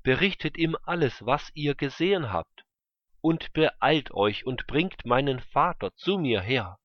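A man voicing Joseph, a powerful man forgiving his brothers, speaking slowly and earnestly. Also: mid-range voice, animated, dry recording, pitched above the performer's own voice, lightly acted. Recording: dull lo-fi recording.

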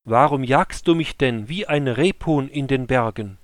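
An earnest young warrior calls out with a raised, imploring voice, as a male storyteller puts him on. The sound is dry and close, and the delivery is slow and deliberate. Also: medium pitch, no echo, close to an everyday voice. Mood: pleading. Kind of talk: scripture storytelling.

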